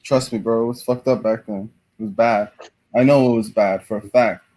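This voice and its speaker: A man's voice: on the low side, steady tone, moderate pace, dark tone. A man in his twenties from Iraq, a guest in a casual chat, blunt and slangy. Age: 20s.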